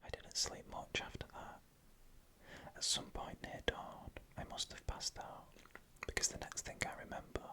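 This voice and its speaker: An ASMR storyteller narrates scary tales entirely in a whisper. The sound is bright and sibilant, with no voiced tone underneath. The delivery stays hushed, like scripted bedtime horror. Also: normal speed. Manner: hushed, unvoiced whispering throughout.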